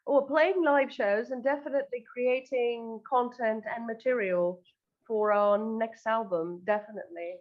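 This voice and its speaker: Heard over phone-quality audio, this guest's voice is fairly high and her pace measured. She's a singer and lyricist in a band, from northern Greece, giving earnest, hesitant interview answers and repeating words along the way.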